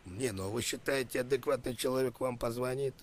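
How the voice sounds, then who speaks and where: A man making a prank phone call, talking in a slow, deadpan drawl and stubbornly repeating the same demands. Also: medium pitch, a little hiss or hum. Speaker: prank caller.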